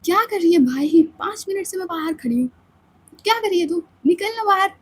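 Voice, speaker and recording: A woman doing an impatient young woman, shrill and pushy. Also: lively intonation, brisk. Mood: urgent. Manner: loud, pushy and demanding.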